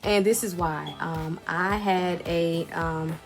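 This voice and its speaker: A woman's voice: fairly low pitch, fairly even intonation, takes it slowly, music in the background. A woman vlogger chatting casually and a little self-consciously as she eats between sentences. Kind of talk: casual chat while eating.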